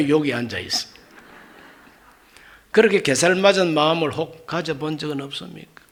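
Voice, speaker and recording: 열정적인 남성 목사의 설교. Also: male voice, a little high, normal speed. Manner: animated, swings between loud exclamations and quiet asides, acts out dialogue. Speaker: pastor. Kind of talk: sermon.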